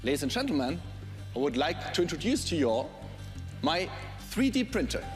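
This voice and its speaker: A man's voice: a little high, big pitch swings, moderate pace. A man performing as a stage magician, giving patter to a theatre audience. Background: music and audience.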